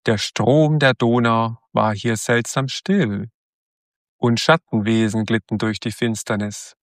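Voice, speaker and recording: Male narrator, measured storybook reading, unhurried, dry booth sound. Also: mid-range voice, steady tone, no echo.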